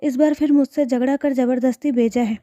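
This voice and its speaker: A woman's voice: high voice, steady tone, fairly quick, warm tone, dry recording, lo-fi sound, natural voice. A woman voicing an unhappy young married daughter, hesitant and holding back tears. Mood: tearful.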